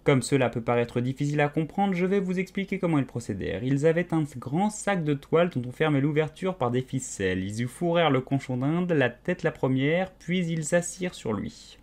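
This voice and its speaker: A man narrating a storybook audiobook in a soft, measured reading voice. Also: fairly high pitch, lively intonation.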